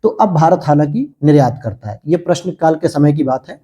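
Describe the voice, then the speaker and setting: A man runs through exam questions in a teacherly lecture, asking each one aloud and then answering it himself. His voice sits a little high but sounds dark and mellow, with a husky edge. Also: expressive, fairly quick. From India.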